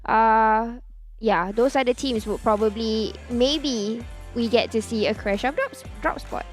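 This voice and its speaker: A woman's voice: on the high side, unhurried, faint music behind. A woman co-casting an esports league, agreeable and hedging, with frequent fillers. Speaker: esports caster. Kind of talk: esports desk analysis.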